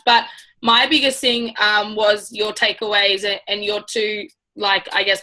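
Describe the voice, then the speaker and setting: Bright, flat-toned woman host. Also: medium pitch, poor audio. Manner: fillers, loose questions. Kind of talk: interview chat.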